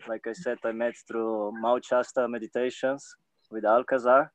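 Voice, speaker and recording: A man from Slovenia, a native Slovenian speaker, talking hesitantly in English with many pauses and fillers. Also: medium pitch, level tone, no room sound, poor audio. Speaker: participant.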